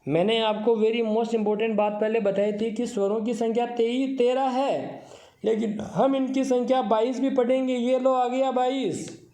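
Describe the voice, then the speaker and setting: A man's voice: very high voice, level tone, warm tone, roomy sound. A man teaching a Sanskrit grammar lesson for exam preparation, reciting definitions and then explaining them plainly, drawing out vowels to show the sounds. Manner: drawn-out vowels when demonstrating sounds.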